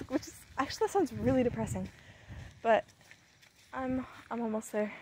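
A woman's voice: on the high side, lively intonation, moderate pace, darkish tone, a little hiss or hum. A young woman in casual, talkative, rambling vlog chat, recorded outdoors on a phone at arm's length as she walks. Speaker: vlogger. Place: outdoors, walking across an open camp.

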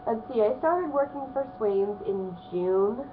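A young woman with a slightly hoarse voice from a cold, chatting casually at her desk at home in a rambling vlog, with lots of ums. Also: fairly high pitch, expressive, a little slow. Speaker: vlogger. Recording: phone-like narrow band, faint hiss.

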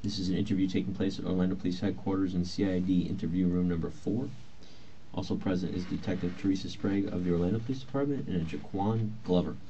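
A man's voice: low voice, fairly even intonation, fast, dark tone. A male police detective questioning someone in an interview room in a polite, procedural, reassuring way, heard on an old interrogation tape recording. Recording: muffled lo-fi interview-room recording with faint hiss.

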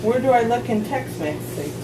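A woman's voice: a little high, animated, moderate pace. A woman, the vlogger's mother, chatting casually and asking puzzled questions off camera. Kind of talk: casual chat. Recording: echoey room with loud hiss.

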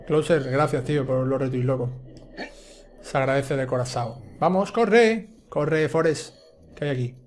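A man with a Spain Spanish accent streaming a game live, chatty and quick to swear and yell when startled. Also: medium pitch, slight background noise. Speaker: gaming streamer. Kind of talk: live gameplay commentary.

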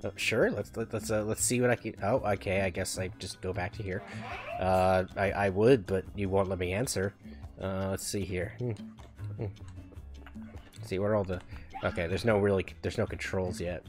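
A man's voice: sits low, fairly even intonation, normal speed, music in the background. A man giving casual let's-play commentary in a chatty, giggly, rambling way with many fillers. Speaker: gaming video host.

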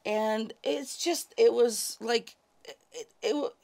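A woman in her forties from Kuwait, a podcast guest telling her story in a casual, animated way, acting out the people in it. She speaks in a small studio set. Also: on the high side, takes it slowly, gravelly. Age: 40s.

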